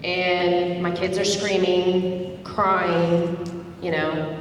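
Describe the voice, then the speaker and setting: Speaking extremely slowly in a lowish voice, a middle-aged woman from Tulsa, Oklahoma, a native Turkish speaker, delivers a personal story at a community dialogue event. She's conversational, growing animated when retelling events. The audio is muffled and echoey from a distant mic in the hall, with faint background noise.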